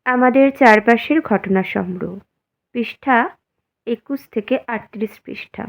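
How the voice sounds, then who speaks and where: A woman teacher who is feeling unwell explains a science lesson slowly and simply, asking her students questions and answering them herself. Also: on the high side, vocal fry. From West Bengal, India. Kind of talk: slow, simple classroom explanation.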